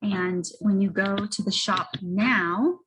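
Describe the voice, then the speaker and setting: A woman giving a casual, halting product testimonial as a host, often correcting herself as she goes. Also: mid-range voice, noisy background. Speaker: host presenting wellness products. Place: library children's area. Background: children and banging in background.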